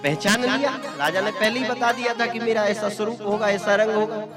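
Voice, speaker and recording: Male religious storyteller, high-pitched, animated scripture discourse over instrumental music. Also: a little fast. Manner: acts out story voices with lively pitch swings.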